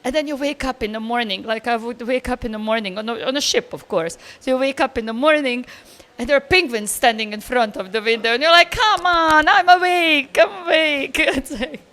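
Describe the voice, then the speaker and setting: A woman from Bosnia speaks with a high, light voice. She is in her forties and tells her travel stories casually and with energy, with loose grammar and easy laughter. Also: brisk. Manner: animated storyteller, laughs easily, loose grammar. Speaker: guest traveller. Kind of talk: casual interview answers.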